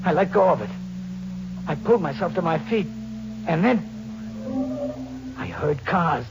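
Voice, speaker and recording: In a 1940s radio thriller, an actor plays a hunted, desperate, vengeful drifter on the run, narrating in the first person with tough slang and melodramatic, haunted delivery. His male voice is a little high and creaky, with lively intonation and a measured pace, and he sounds haunted and frantic. The old recording is noisy and muffled, with hum.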